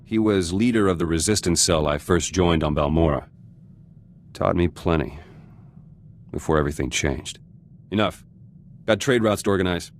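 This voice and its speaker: In video game dialogue, a very deep, gruff voice plays a guarded, cynical revolutionary fighter turned politician. He speaks at normal speed with long pauses, in curt, blunt fragments. Faint ambient noise sits in the background.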